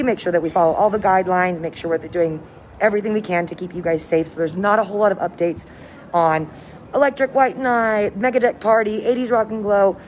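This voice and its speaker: An upbeat cruise director, a woman with a slightly low-pitched voice, chats casually to her viewers on a livestream. She sounds enthusiastic and informal, and there is clear ambient noise behind her. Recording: noticeable background noise, windy ambience.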